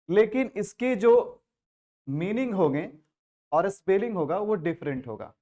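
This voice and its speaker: A man's voice: high voice, darkish tone. A man with an Indian accent teaching English vocabulary in an exam-prep lesson, explaining step by step and answering his own questions.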